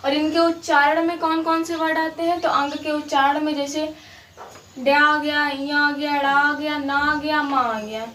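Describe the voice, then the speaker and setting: Speaking a little slowly with little pitch movement, a woman with a high, slightly bright voice patiently teaches grammar, repeating examples and checking that students follow. The distant mic picks up an echoey room and a faint hiss.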